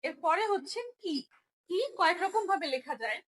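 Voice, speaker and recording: High, bright-voiced woman teacher. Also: lively intonation. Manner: patient, explains slowly and repeats each sound. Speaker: Japanese language teacher. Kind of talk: step-by-step writing lesson.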